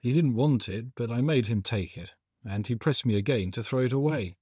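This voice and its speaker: A man voicing a curious, hesitant old father in a storybook reading, with a husky voice and an inquisitive manner. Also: medium pitch, normal speed, warm tone, no echo, studio quality, voice pushed up, close to an everyday voice. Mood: sheepish, unsure. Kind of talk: dramatised storybook character reading.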